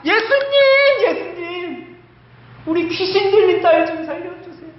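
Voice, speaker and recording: A man voicing a desperate mother crying out again and again for her daughter. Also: measured pace. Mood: desperate wailing. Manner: shrill repeated crying out. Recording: echoey church hall, muffled.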